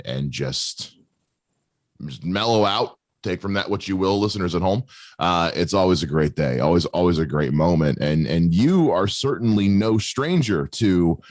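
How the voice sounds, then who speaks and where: Deep-voiced joking podcast host. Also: male voice, no echo. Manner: rambling, joking, halting with restarts. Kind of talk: casual podcast chat.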